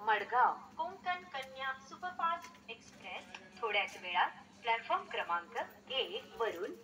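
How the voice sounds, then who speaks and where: A woman making formal railway announcements over an outdoor station loudspeaker, heard from a distance. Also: a little high, lively intonation, measured pace. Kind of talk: public address announcement. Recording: distant muffled loudspeaker, noisy platform.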